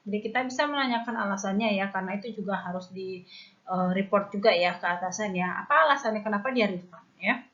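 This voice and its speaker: A woman's voice: mid-range voice, quick pace, a bit bright. A woman with an Indonesian accent teaching an online Mandarin class, explaining patiently step by step and often tagging her phrases with "ya". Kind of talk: online language lesson. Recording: dull lo-fi recording.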